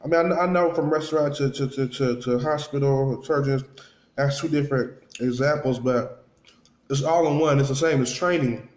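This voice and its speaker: A man with a darkish, mid-range voice talks at normal speed, eating as he tells his viewers a casual story. This vlogger chews between phrases, acts out the conversations he's describing, and repeats things to drive them home. The audio sounds roomy and echoing.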